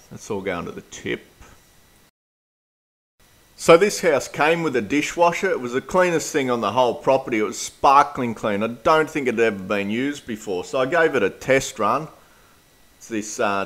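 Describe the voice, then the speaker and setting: A middle-aged Australian man talks through a house renovation in a relaxed vlog. His delivery is practical and plain-spoken. His pitch sits in a middle range. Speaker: DIY renovator. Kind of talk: casual renovation vlog narration.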